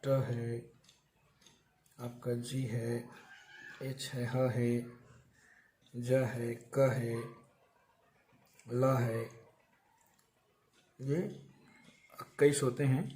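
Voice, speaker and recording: A man's voice: mid-range voice, fairly even intonation, extremely slow, pauses often, darkish tone. A man teaching an English grammar lesson, explaining step by step and asking and answering his own questions.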